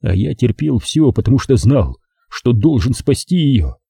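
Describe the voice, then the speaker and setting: Male narrator, audiobook, very dark husky voice, lively intonation, dry close recording. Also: medium pitch, unhurried, no room sound. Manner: expressive storytelling with acted dialogue. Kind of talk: first-person audiobook narration.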